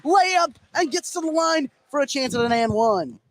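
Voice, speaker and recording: A man serves as play-by-play commentator for a live high school basketball game in an indoor gym, calling the action at a normal pace and getting excited on big plays. The noisy gymnasium crowd can be heard around him.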